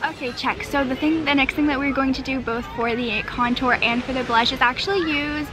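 A woman's voice: high-pitched, steady tone, a little fast, background noise. Bubbly young woman filming outdoors. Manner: bubbly, chatty, lots of "super" and "fantastic". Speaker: beauty vlogger. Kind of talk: makeup tutorial talk. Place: outdoors at a picnic table by the beach. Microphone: handheld camera close up.

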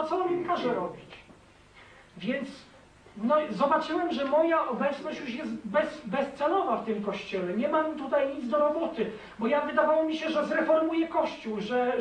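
A man's voice: very high-pitched, slight background noise. A man, a former priest, giving an earnest, emphatic testimony to an audience, often checking in with his listeners. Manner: earnest, emphatic, appeals to listeners with tag questions. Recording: echoey hall, voice from a distant mic.

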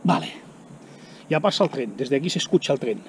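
A man's voice: medium pitch, big pitch swings, fairly quick, creaky, background noise. A middle-aged man from chatting casually to the camera while snacking outdoors in the woods, often exclaiming as he eats. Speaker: vlogger. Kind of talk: casual outdoor vlog narration. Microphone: camera on the ground in front.

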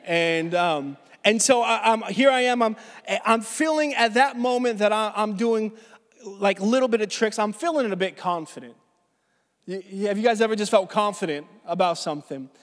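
A man's voice: high-pitched, normal speed, a bit bright. A man in his thirties preaching a sermon as pastor, telling a story casually with many restarts, a little out of breath. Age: 30s. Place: church hall. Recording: reverberant church hall.

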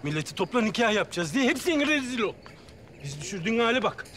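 A man's voice: high voice, sing-song, fast. An actor playing an irritable village father who scolds his family in a TV comedy. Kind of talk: TV comedy acting.

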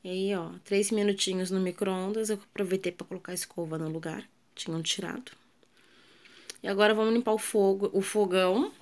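A woman's voice: medium pitch, steady tone, a little fast, a little mellow. A woman with a Brazilian Portuguese accent, a home vlogger and mother, casually narrating her kitchen cleaning and chatting with viewers. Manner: chatty, asks viewers questions, trails off with fillers.

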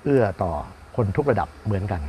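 A man's voice: lowish voice, lively intonation, brisk, dark tone. A man explaining a point in an interview, speaking outdoors.

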